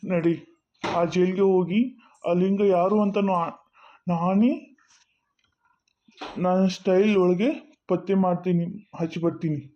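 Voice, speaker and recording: A man's voice: sits high, fairly even intonation, slow pace, pauses often, highs cut off. Man playing a blustering village detective. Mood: boastful. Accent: North Karnataka Kannada. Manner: blustering, muttering to himself. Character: boastful village detective uncle, bossy.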